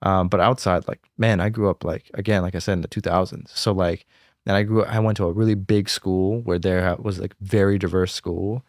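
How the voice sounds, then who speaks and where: This man's voice is deep and a little mellow, with fairly even intonation, captured at studio quality with no room sound. He's a young fashion designer from the United States chatting casually about his brand, talking quickly and leaning heavily on "like" and "you know."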